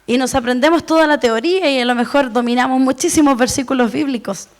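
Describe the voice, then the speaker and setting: A woman with a high voice delivers a sermon. She speaks earnestly and personally, and she keeps saying "we" to include herself with the congregation. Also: fast talker. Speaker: preacher.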